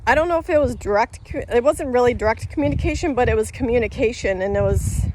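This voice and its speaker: There's slight background noise as a woman vlogger talks fast in a slightly high, darkish voice. Telling a story to camera, she rambles casually with lots of fillers, restarts and self-corrections, laughing through it.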